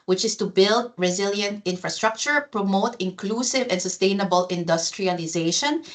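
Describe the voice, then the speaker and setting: A woman's voice: medium pitch, fairly bright tone. A woman HR officer hosting an online presentation over a video call, speaking with frequent fillers and restarts.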